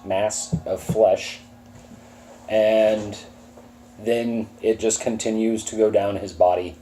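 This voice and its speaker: A man running a tabletop game as dungeon master, narrating scenes in a slow, halting way with many fillers. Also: fairly low pitch, dark tone, low-quality recording.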